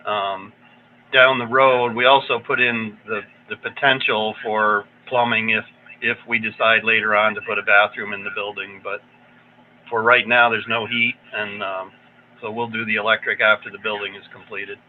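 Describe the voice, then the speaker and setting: A man calling into a meeting on a conference call, giving a contractor's project update in a plain, steady way with frequent ums. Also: on the low side, moderate pace. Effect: heard over a conference call phone line. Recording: tinny phone line with faint noise.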